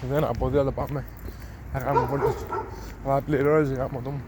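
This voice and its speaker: A man's voice: mid-range voice, steady tone. A man vlogging on a cold early morning outdoors, frustrated and swearing, keeping his voice down so he does not wake the neighbours. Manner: frustrated, swearing, muttering to himself; keeps his voice down. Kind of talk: casual vlog monologue. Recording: noisy outdoor ambience with dogs and traffic.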